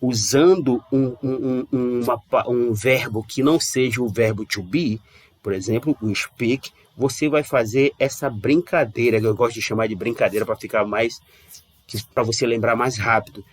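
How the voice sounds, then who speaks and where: A man from Brazil teaching English in a casual online lesson, chatty and repeating words slowly to model pronunciation. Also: medium pitch, fairly even intonation, dry recording.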